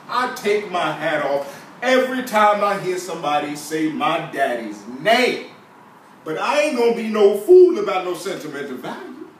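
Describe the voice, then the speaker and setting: A man performs a folksy stage monologue as a stubborn, scheming Southern farmer, arguing insistently in a fairly high, very animated voice. He draws out words for emphasis and adds hums and chuckles. The distant mic catches a very echoey room plus a little hiss or hum.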